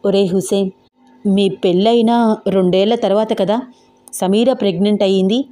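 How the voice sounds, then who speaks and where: A woman's voice: mid-range voice, steady tone, moderate pace, dark tone, faint music behind, lightly acted. A woman voicing an anxious young husband who keeps questioning himself, in a storybook reading. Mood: awkward.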